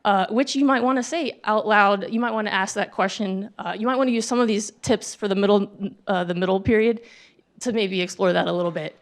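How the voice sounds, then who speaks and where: Gravelly-voiced woman giving a casual talk. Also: medium pitch, a little fast. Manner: conversational, acts out sample dialogue, frequent ums and restarts. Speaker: tech meetup speaker. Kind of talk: casual presentation to an audience. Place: meetup event venue.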